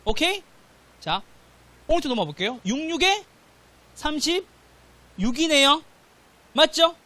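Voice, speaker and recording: Exam-prep lecturer, male, lively swooping pitch, quizzes the class and keeps checking they follow. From South Korea. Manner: animated, drills students with rapid question-and-answer, repeats "got it?". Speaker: real estate exam instructor.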